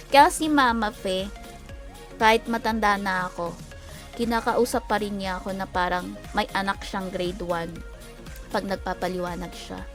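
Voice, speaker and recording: A young adult woman with a Filipino accent chatting casually and teasingly on a game livestream, quick to laugh. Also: mid-range voice, fairly even intonation, faint music behind. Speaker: game streamer.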